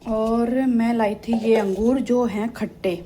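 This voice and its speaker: A woman's voice: on the high side, fairly even intonation, measured pace. A middle-aged woman chatting casually to her viewers in a home vlog, rambling from one thing to the next, recorded in a kitchen on a phone without a separate mic. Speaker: family vlogger. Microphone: built-in phone or camera mic, no external mic. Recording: echoey room with faint noise.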